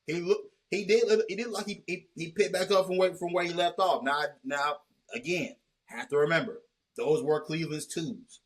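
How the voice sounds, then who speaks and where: A man with a somewhat high voice hosts a casual sports talk. He rambles in long runs, restarts his sentences often, and keeps a measured, cautious tone. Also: steady tone. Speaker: host.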